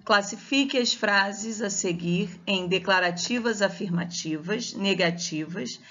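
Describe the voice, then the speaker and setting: A woman's voice: mid-range voice, unhurried, fairly bright tone, highs cut off. A woman teacher with a Brazilian Portuguese accent giving a grammar lesson and explaining step by step. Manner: explains step by step, checks with students.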